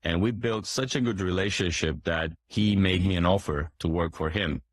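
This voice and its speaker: A boat dealership owner in his forties, raised in Turkey, answers interview questions hesitantly, full of fillers, restarts and frequent throat clearing. His voice is low and at a normal speed, in a dry, studio-quality recording.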